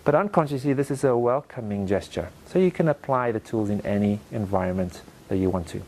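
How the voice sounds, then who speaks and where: Guy running a presenting workshop live, lively, does funny voices for quotes, tells the room to turn to their neighbor. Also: on the low side, a little fast, a little hiss or hum. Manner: animated, acts out quotes in playful voices; direct, asks the audience to repeat lines to each other. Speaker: presentation skills trainer. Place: training room with a live audience.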